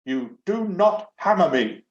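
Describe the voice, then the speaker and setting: A prim wooden door knob with a raised, loud, scolding voice, as a man puts it on, full of wounded pride. It sounds like a dull recording in an echoey room. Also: high voice, expressive, slow pace, pitched above the performer's own voice. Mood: indignant. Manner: pompous, scolding, self-righteous. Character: fussy, indignant talking wooden door knob.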